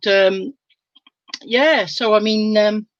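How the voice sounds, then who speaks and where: A woman's voice: mid-range voice, very slow, no echo. An older woman talks unhurriedly to her live-stream viewers from home, sleepy and prone to yawning. She laughs a lot between lines and reads comments aloud. The sound is dry and a little muffled, like a cheap home microphone. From England. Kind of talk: casual live-stream chat.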